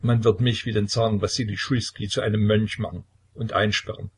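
A man voicing a despairing young tsarevich who mourns in a sighing lament, with a low, husky voice. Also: little pitch movement, brisk.

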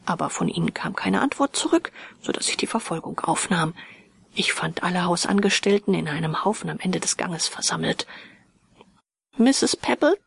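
A woman reading a ghost story aloud, often half-whispered, slow and hushed. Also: on the low side, gravelly, slightly rough. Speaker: audiobook reader. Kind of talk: scripted narration of a ghost story.

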